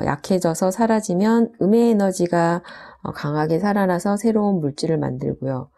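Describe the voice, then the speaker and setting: Female instructor, low warm tone, calm lecture delivery with small fillers. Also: creaky. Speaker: saju instructor. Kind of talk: lecture on Korean astrology.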